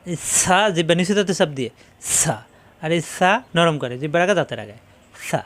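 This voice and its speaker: A man teaching Quran letter pronunciation in a slow lesson, repeating each sound in a Bangladeshi Bengali accent. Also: on the high side, lively intonation. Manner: drills letter sounds with repetition.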